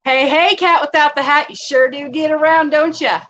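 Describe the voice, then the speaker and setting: A woman's voice: sits high, fairly even intonation, moderate pace, a bit bright, lo-fi sound. A woman hosting a casual live stream from home, chatting with viewers, greeting them by name and laughing often.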